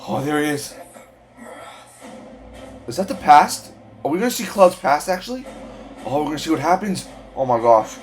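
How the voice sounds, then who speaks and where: A man hosting a reaction video as an excited fan, babbling with overexcitement, gushing and repeating himself. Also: on the high side, normal speed, pauses often, faint music behind.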